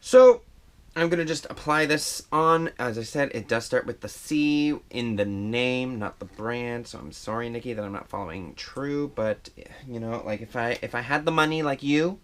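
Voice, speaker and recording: A man's voice: mid-range voice, moderate pace, fairly bright tone. Man filming a makeup tutorial at home, loose chatty delivery with fillers, pokes fun at himself. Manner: chatty and self-deprecating, rambling with fillers. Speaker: makeup vlogger. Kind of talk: casual makeup tutorial chat. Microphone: action camera.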